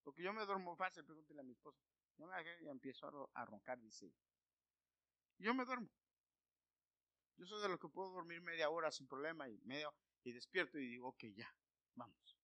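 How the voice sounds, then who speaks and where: A man preaching a sermon, emphatic and building to loud declarations. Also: fairly high pitch, animated, fairly quick, pauses often, no room sound, highs cut off.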